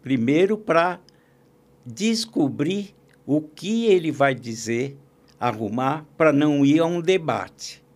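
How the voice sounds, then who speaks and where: A man's voice: a little high, animated, takes it slowly. A man, a podcast guest who talks politics in a casual, opinionated way, often restarting his sentences. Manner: talkative, opinionated, frequent restarts and fillers. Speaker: podcast guest, columnist and agribusiness consultant.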